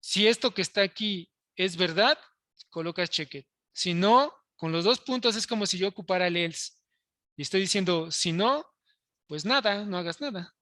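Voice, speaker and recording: A male programming teacher walks students through code, pausing often to ask if they follow. His voice is bright and forward, recorded close and dry with no room sound. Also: sits high, dry recording. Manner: explains step by step, checks in with students often. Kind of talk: live coding lesson to students.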